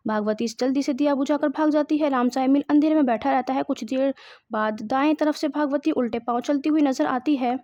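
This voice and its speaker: A woman's voice: high-pitched, dark tone, dry recording, highs cut off. A woman teacher reading a play aloud in a lecture, reading the stage directions and explaining words.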